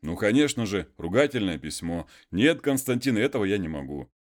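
Gentleman role for a male reader: measured, reasoning, firm, lively in pitch. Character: educated gentleman, patient but firm.

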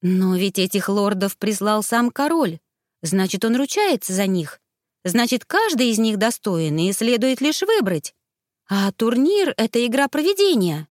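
A woman doing an excitable high-pitched young noble girl. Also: unhurried, dry recording, clean studio sound. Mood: earnest.

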